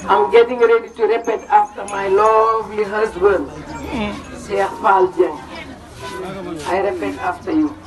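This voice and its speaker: A middle-aged Senegalese woman slowly interpreting a religious address phrase by phrase. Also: mid-range voice, steady tone, over music. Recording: distant mic with crowd behind.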